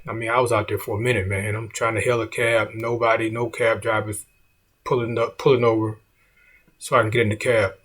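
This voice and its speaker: A man's voice: lowish voice, level tone, a little fast, a bit bright, husky. A middle-aged man, a comedian, telling a story in a laid-back way and saying "man" often.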